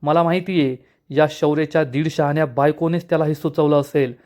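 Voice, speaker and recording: A sharp-tongued, domineering mother-in-law who snaps at everyone around her, as a man reads her part. The voice is fairly high with a mellow softness. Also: fairly even intonation, brisk, lightly acted. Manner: harsh, snapping.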